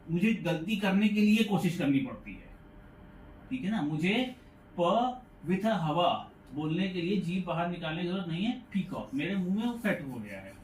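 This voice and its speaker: Man teaching pronunciation in an echoey room. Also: high voice. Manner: patient, repeats sounds slowly to demonstrate. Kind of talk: classroom pronunciation lesson. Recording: echoey room, mic far off, faint noise.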